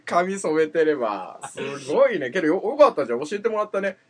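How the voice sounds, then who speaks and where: High, lively man bantering for laughs. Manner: teasing, bursts into laughter, slow deliberate quiz reading. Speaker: comedy duo podcast host. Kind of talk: casual comedic banter.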